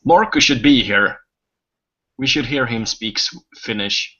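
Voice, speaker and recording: A man's voice: medium pitch, animated, unhurried, sharp tone. A man from Sweden with a Swedish accent, chatting casually with friends and laughing often. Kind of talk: casual group chat. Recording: dull lo-fi sound.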